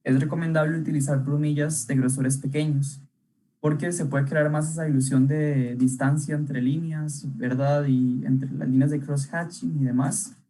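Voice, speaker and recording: A man's voice: fairly high pitch, steady tone, normal speed, warm tone, rough recording. A young man teaching an online illustration workshop, talking casually while he draws, with many fillers and checking questions. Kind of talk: live online drawing lesson.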